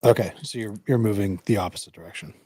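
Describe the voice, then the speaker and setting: Lowish-voiced man co-hosting, dry sound. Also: fast, warm tone, dry recording. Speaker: livestream co-host. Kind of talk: casual live coverage talk.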